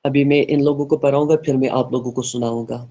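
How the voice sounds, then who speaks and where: A man teaching an online tajweed lesson, explaining rules earnestly and repeating points, then modelling slow melodic recitation. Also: medium pitch, steady tone, dark tone, highs cut off.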